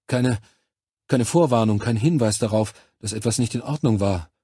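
Ruhiger, sachlicher Militärarzt, von einem Mann vorgelesen, tiefe, leicht belegte Stimme, dunkler Klang. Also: male voice, on the low side, normal speed, mellow, slightly rough, no room sound, clean studio sound. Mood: clinical. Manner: clinical, matter-of-fact explaining. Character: composed male army medic examining alien bodies.

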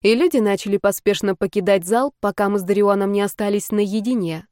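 A woman reading a first-person audiobook in a steady, even storytelling manner. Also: mid-range voice, fairly quick, dry recording, clean studio sound. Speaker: audiobook narrator.

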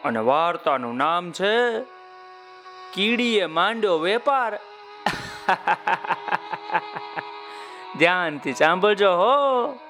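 Slow, sing-song male children's storyteller. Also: sits high, sing-song, faint music behind. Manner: warm, sing-song, addresses listeners directly.

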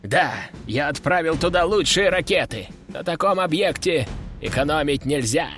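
A man's voice: on the high side, lively intonation, normal speed, a bit bright, faint music behind. A man voicing a boastful, pompous middle-aged colonel in an audiobook, barking impatient orders. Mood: proud.

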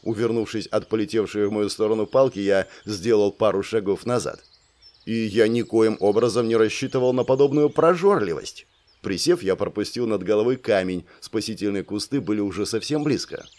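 A man's voice: fairly low pitch, a little fast, a little mellow. A man narrating an audiobook in the first person, with a wry, ironic manner.

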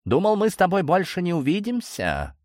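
Smug, teasing talking cat, high and bouncy, put on by a male audiobook narrator. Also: huge pitch swings, brisk, darkish tone, no echo, clean studio sound. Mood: cheeky.

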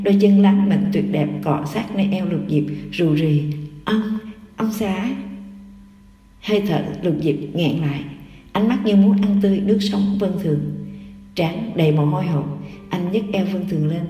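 Nữ người dẫn truyện tình cảm, giọng mềm và tối, đọc thong thả. Micro đặt hơi xa, tiếng vang kéo dài. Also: female voice, lowish voice, dark tone. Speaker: audiobook narrator. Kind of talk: scripted romance narration. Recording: roomy echo, distant mic, music.

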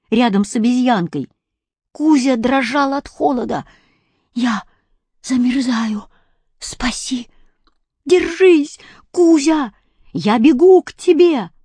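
A woman reading a children's story aloud in first person, in slow careful storytelling. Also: mid-range voice, warm tone, no echo. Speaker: audiobook reader.

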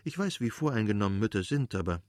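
A man reading the lines of a gracious young aristocratic woman in an audiobook, voice lightly raised and gentle. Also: fairly low pitch, big pitch swings, fast, dry recording, studio quality.

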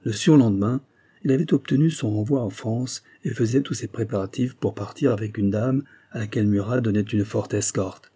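A man narrating a classic short story in a measured, steady audiobook reading. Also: on the low side, husky.

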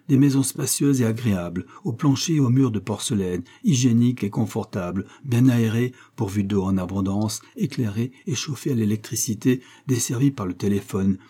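A man's voice: mid-range voice, normal speed, dark tone, husky, lightly acted. A man voicing a kindly, idealistic elderly scientist, declaiming with emphasis in a storybook reading. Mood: fervent.

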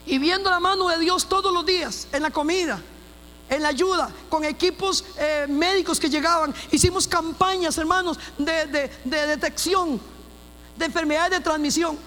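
A woman's voice: extremely high pitch, moderate pace, fairly bright tone. A woman pastor giving a personal testimony in a church, telling her story emphatically with repeated phrases and restarts. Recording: long hall reverb with faint mains hum.

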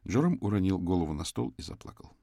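A man narrating a crime audiobook in a steady storytelling manner. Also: low-pitched, fast talker, creaky, no room sound, studio quality. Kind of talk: scripted narration.

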